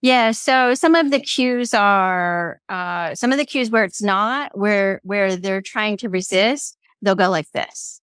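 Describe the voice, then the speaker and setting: A woman guest on an interview, talking about energy healing in a lively, playful way and often acting out voices of people she quotes. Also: medium pitch, takes it slowly, hardly any pauses, smooth, no room sound, studio quality. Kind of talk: conversational interview.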